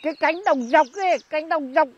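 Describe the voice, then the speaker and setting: An actor voices a frail old father in a village, stranded and begging for help. His voice is thin and high. It comes through a muffled phone line. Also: brisk, slight background noise. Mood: pleading. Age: older.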